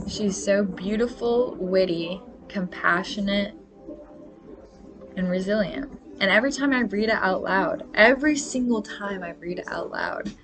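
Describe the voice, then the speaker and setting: A woman in her twenties talking in a casual confessional monologue, rambling and filling her speech with "like" and the odd swear word. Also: medium pitch.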